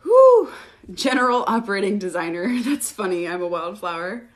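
A woman hosting a casual live Q&A, relaxed and chatty, often laughing as she answers viewers. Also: mid-range voice, fairly quick. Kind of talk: casual livestream Q&A.

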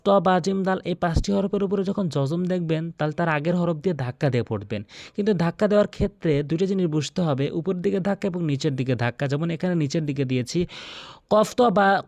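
A man with a Bangladeshi Bengali accent teaching Quran recitation rules. He explains slowly, repeats each rule and chants verses long and high. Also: dark tone, no room sound. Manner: repeats instructions and appeals for likes. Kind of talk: tajweed lesson with chanted recitation.

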